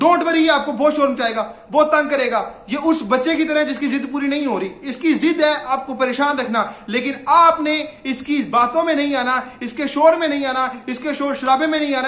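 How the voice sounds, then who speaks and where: A man's voice: very high-pitched, a bit bright, echoey room. A man giving a motivational self-help talk in Urdu, mixing in English phrases and guiding the listener through affirmations.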